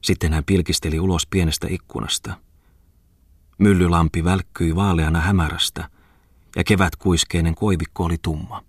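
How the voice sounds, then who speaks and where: A man reading a novel aloud as an audiobook narrator, calm and measured. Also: deep voice, husky, no room sound, clean studio sound. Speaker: audiobook reader. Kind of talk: scripted literary narration.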